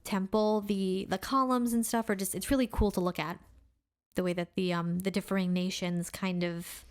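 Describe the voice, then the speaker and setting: Her medium-pitched voice is smooth and steady, moving at a moderate pace. As a podcast co-host in casual conversation, she talks enthusiastically, sprinkling in lots of filler and frequent uses of "like" and "really cool."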